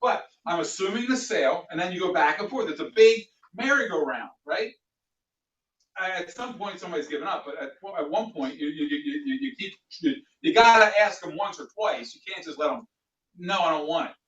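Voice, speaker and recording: Male sales trainer, fairly high voice, roomy and distant, dull recording. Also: fairly quick. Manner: animated, plays out customer dialogues. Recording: echoey room, distant mic, dull sound.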